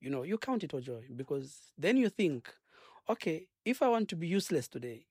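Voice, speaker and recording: A Zambian man with a fairly high voice speaks as a guest in a radio studio. He is earnest and preachy, rambling with plenty of "uh" and "um". The room is dry and close. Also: sing-song, fairly quick, darkish tone, slightly rough, no echo. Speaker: gospel singer and minister guest. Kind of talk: radio interview.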